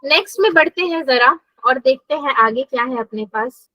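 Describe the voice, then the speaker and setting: High-voiced woman teaching math. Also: normal speed, dry recording, dull audio. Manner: mixes English terms into explanations, asks students questions. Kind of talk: live online class lecture.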